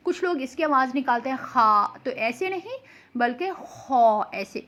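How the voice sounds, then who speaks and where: A young woman patiently explaining tajweed pronunciation and reciting slow examples as a Quran recitation teacher. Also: high-pitched, lively intonation, a bit bright. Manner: patient and explanatory, often checks in with "okay".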